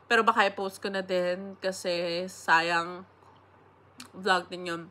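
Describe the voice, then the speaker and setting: Young Filipino woman, bright voice, sick, rambling casual vlog chat with frequent swearing. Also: lowish voice, fairly even intonation, slow pace. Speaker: vlogger.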